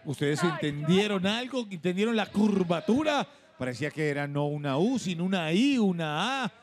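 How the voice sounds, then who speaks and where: A man with a Colombian Spanish accent hosting a television game show, teasing the players with quick questions. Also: high voice, very animated, a crowd in the background. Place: television studio.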